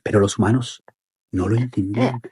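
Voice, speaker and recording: A man telling a children's story in an expressive, repetitive way with dramatic pauses. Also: fairly low pitch, breathy edge.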